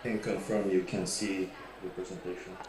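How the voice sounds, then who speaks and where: A man from Brazil, giving a halting presentation over a remote call whose line echoes back with feedback. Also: low voice, level tone. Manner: hesitant, many restarts and repeated words. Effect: echoey remote call line with audio feedback. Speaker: remote presenter at an online panel. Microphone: video call. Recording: distant echoey call audio with noise.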